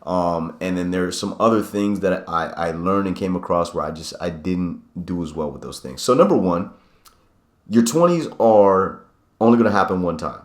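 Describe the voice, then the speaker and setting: A man's voice: low-pitched, moderate pace. A man in his late twenties talking casually to camera in a vlog, reflective and rambling, often restarting his sentences. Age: 20s. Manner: rambling, self-correcting, reflective. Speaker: vlogger. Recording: echoey room.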